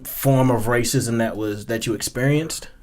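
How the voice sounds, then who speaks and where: A man steering a casual conversation with measured, probing questions. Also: medium pitch, a little mellow. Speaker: interviewer.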